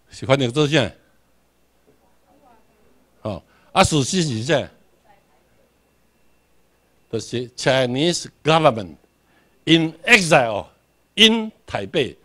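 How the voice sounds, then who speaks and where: A man's voice: a little high, lively intonation, takes it slowly, long pauses, a bit bright. A man from Tainan with a Taiwanese accent, giving a classroom lecture, emphatic, putting rhetorical questions and answering them himself. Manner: emphatic, repeats key words for drilling.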